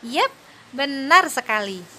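A bright, ringing, slightly high voice belongs to a patient, praising young mother, played by a woman in a children's audio play. She talks slowly and clearly, as if to small children, and cheers them on. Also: sing-song, full character voice. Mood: encouraging. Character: cheerful, encouraging young mother teaching her little daughters. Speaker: mother of two young girls.

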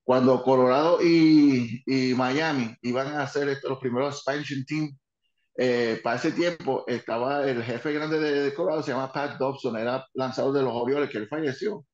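An older man, a former wrestling manager telling lively stories and slipping English phrases into his talk. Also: medium pitch, normal speed. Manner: lively, mixes in English phrases, many restarts. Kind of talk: animated anecdote telling. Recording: dull, roomy recording.

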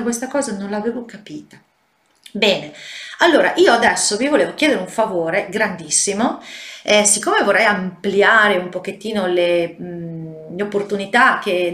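Woman host, casual explainer, mid-pitched, searches for words with fillers and restarts, echoey room. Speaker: astrology channel host. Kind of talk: casual explanatory video talk. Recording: roomy echo.

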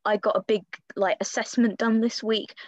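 A woman's voice: medium pitch, fairly even intonation, normal speed, no room sound. Giggly young woman co-hosting a podcast. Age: 20s. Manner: chatty, giggly, playful teasing. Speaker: podcast co-host. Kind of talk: casual podcast chat. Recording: slightly dull lo-fi sound.

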